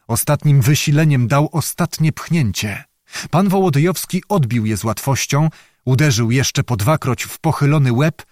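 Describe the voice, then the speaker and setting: A male audiobook narrator telling a historical novel with measured, dramatic storytelling. His pitch is ordinary for a man. The recording is dry and close, as in a small studio booth. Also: darkish tone, dry recording.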